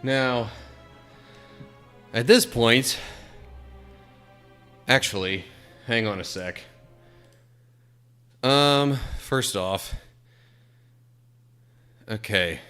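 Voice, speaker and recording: A man's voice: medium pitch, extremely slow, pauses often, bright, forceful tone, smooth, soft background music. A man streaming a video game, chatting casually and thinking aloud in a hesitant, rambling way. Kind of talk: casual live-stream chat.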